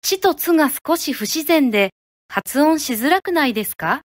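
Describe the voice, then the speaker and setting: A woman from Japan teaching pronunciation, speaking clearly and deliberately and modeling each syllable one at a time. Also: sits high, lively intonation, dry recording, clean studio sound. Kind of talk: slow, careful teaching of pronunciation.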